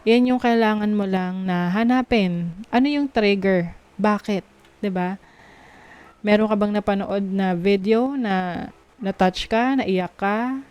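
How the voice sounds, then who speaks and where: A woman from the Philippines giving a tarot reading, slow and reassuring, mixing Tagalog and English and checking in with her listeners. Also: medium pitch, a little mellow, clean tone. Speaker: tarot reader.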